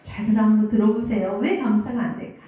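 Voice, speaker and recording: A woman pastor with a dark-toned, mid-range voice preaches at a quick pace, mixing stories with questions for the congregation. The audio is dull and the church hall very echoey.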